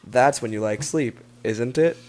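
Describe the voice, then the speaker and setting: A man's voice: medium pitch, a little slow, darkish tone. A man giving scripted documentary narration for kids, friendly and asking the listener questions.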